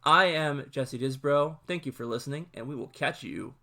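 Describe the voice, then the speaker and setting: A man co-hosting a casual podcast, telling stories excitably and enthusiastically, with quick restarts. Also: fairly high pitch. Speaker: podcast co-host.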